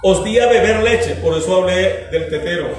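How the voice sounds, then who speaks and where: High-voiced pastor preaching, echoey hall. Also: male voice, moderate pace. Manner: preaches with rhetorical questions to the congregation and acted-out everyday scenes. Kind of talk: sermon. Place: church hall. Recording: echoey church hall from far off with music.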